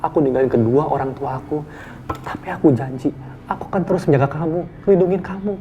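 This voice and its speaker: [name] is a young man doing a troubled, evasive boyfriend from a TV soap who pleads and snaps in quick, rushed speech. His voice has a warm, mellow tone. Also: on the high side, dull audio, a little hiss or hum, natural voice. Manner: pleading and irritable. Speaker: actor in a TV soap. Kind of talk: TV soap acting.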